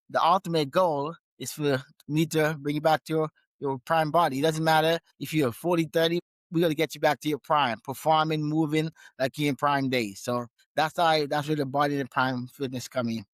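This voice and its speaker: A man from Guyana, a gym owner and trainer, chatting casually as a podcast guest, relaxed and often restarting his sentences. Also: a little high, moderate pace, hardly any pauses, no echo. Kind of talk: casual interview conversation.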